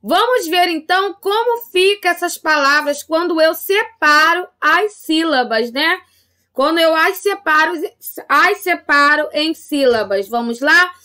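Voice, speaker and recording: A woman with a Brazilian Portuguese accent teaches a grade-school class in a recorded remote lesson, her voice very high-pitched, bright and forceful with lively intonation. She talks slowly and patiently, checking in with her pupils often with a frequent "tá?"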